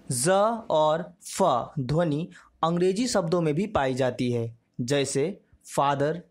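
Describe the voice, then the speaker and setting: A teacher giving a slow, carefully articulated pronunciation lesson, demonstrating sounds and reading out word lists for practice. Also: mid-range voice, darkish tone. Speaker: Hindi teacher.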